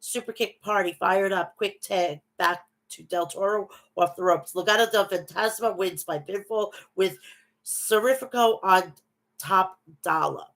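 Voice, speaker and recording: Through a stuffy nose from a bad cold, a woman reads match results and chats with viewers on her casual wrestling recap. Her voice is nasal and fairly bright, medium in pitch, and measured in pace.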